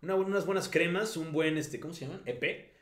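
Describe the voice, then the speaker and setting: A man's voice: on the high side, a little fast, a bit bright. A man co-hosting a casual podcast, joking and teasing in a laid-back way. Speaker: podcast co-host. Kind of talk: casual chat. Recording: roomy echo with faint noise.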